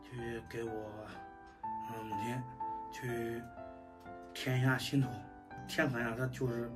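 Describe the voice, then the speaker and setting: A man's voice: medium pitch, little pitch movement, slow. Guy just chatting for his vlog, music playing, mic kinda far away. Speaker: vlogger. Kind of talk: casual vlog chat.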